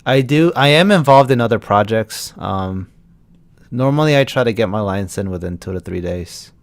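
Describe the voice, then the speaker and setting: Chatting loosely on a live stream, a young Texas voice actor answers viewers' questions as they come in. His voice is lowish and animated, at a moderate pace.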